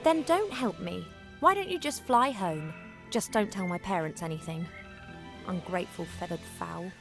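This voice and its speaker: An actress playing a plucky, chatty young elf adventurer in a video game, with a spirited delivery. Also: female voice, fairly low pitch, expressive, moderate pace, gravelly. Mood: peeved. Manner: spirited, talking to herself and her bird. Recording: music under the voice.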